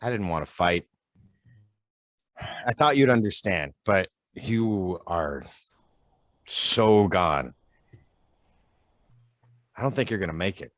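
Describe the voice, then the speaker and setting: An actor as a weary young man, slow. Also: low-pitched, lively intonation, no room sound. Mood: sorrowful. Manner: slow, tired and strained. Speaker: actor in a play reading. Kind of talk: online play reading. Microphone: video call.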